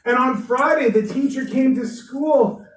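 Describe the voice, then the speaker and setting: A woman teacher telling a lively story to children in a classroom, playing up the characters' voices. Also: high-pitched, measured pace. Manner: lively, animated, playful voices. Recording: roomy room, distant mic, faint noise.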